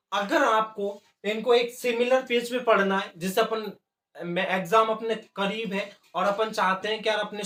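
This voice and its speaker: Guy giving a lecture, says the key words slowly and repeats them so you can write them down, roomy echo. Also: sits high, bright, forceful tone. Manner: repeats key terms slowly for note-taking. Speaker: agriculture exam teacher. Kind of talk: classroom lecture dictating notes.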